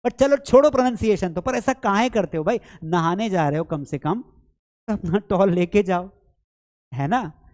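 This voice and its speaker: This Hindi-speaking man with an Indian accent has a high, expressive, slightly mellow voice and speaks at a moderate pace. He's a spoken English teacher running a live online lesson, lecturing playfully in a chatty, teasing way and calling his students "beta." After an hour of talking, his voice sounds strained.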